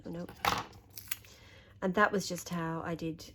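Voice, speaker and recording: An Australian woman with a slightly croaky voice, talking through a papercraft tutorial while she folds and trims, chatty and thinking aloud. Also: fairly low pitch, steady tone, measured pace, pushed and bright, slight background noise. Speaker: papercraft demonstrator. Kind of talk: craft tutorial narration.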